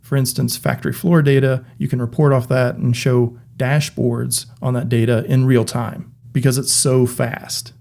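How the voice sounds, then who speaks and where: A man's voice: medium pitch, moderate pace, few pauses. Man giving a tech lecture. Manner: clear, even explaining with dry humor. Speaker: course instructor.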